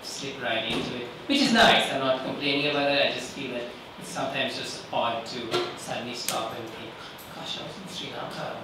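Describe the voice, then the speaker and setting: A man's voice: mid-range voice, fairly quick, hardly any pauses. Reflective man author, echoey room. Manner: reflective, conversational. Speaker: author on a panel. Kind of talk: panel Q&A answer. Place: living room with small audience. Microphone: handheld microphone. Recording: roomy distant sound with noise.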